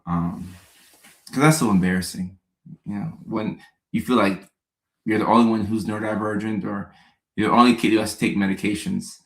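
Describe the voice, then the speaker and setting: A man, hosting a casual live stream and answering viewer questions in a relaxed, chatty way with joking asides. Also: fairly low pitch, normal speed, pauses often, echoey room, poor audio.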